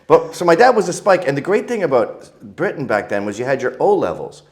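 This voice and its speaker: A man's voice: fairly high pitch, big pitch swings, brisk. A middle-aged man, telling stories as an interview guest in a crude, joking, provocative way. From Canada. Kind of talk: casual interview storytelling.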